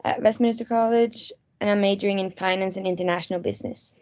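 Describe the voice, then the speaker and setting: A young woman, a student panelist, speaking hesitantly with many pauses. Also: mid-range voice, fairly even intonation, darkish tone. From Norway. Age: young adult. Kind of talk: casual panel answer. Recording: slightly dull call audio.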